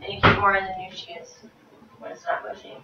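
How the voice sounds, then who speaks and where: In her home kitchen, a woman in her thirties who vlogs about fitness rambles through a casual how-to chat on meal prep, full of ums, moving about while she recovers from a cold. Her mid-range voice is completely flat and brisk, with heavy background noise. The far camera gives the sound a roomy, distant, dull quality.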